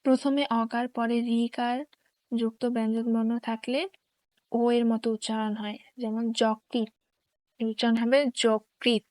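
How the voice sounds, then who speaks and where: A woman teacher slowly reading grammar rules and examples in a careful, dictation-like way. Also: on the high side, flat delivery, dark tone, no room sound.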